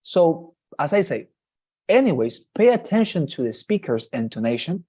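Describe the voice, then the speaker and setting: A man's voice: on the high side, very animated, normal speed, mellow, husky. A man with a Spanish accent teaching English test strategies in an online class, explaining patiently and repeating his key points.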